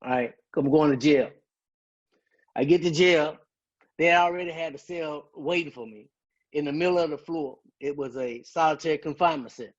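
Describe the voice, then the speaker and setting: Man, guest speaker, emotional first-person testimony; slightly higher voice, dull webinar sound. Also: moderate pace. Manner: earnest, emotional, quotes dialogue.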